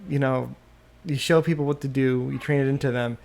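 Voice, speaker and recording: A man with a gravelly, fry-edged voice at an ordinary pitch, hosting a solo podcast. He muses out loud, trails off and restarts his sentences. He talks close to a desktop USB microphone. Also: steady tone, brisk. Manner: musing, trailing off and restarting often. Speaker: podcast host. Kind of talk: rambling solo podcast monologue.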